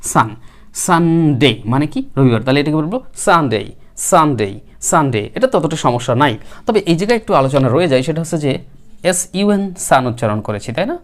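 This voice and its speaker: A male teacher giving a spoken English lesson, who patiently repeats words slowly for learners. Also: a little high, animated.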